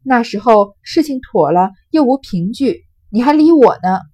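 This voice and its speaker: A woman reading aloud and voicing a greedy, scheming older sorceress-nun who feigns reluctance and haggles, in a husky voice. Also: on the high side, lively intonation, normal speed, warm tone. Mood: sly. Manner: coy, feigning reluctance, then bargaining.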